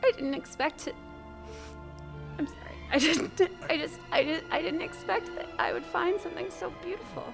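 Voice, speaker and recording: A woman's voice: fairly high pitch, sing-song, normal speed, music in the background. A woman playing a scheming radio journalist who fakes crying for her story, gushing and theatrical, then smug. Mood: tearful. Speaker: fake podcast reporter. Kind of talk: improvised comedy podcast sketch.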